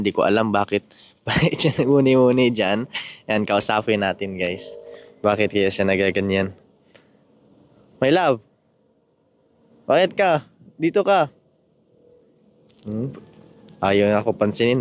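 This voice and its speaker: A man's voice: lowish voice, measured pace, pauses often. A young man vlogging casually outdoors in the rain, coaxing and pleading with his girlfriend and repeating pet names. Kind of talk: casual vlog chat.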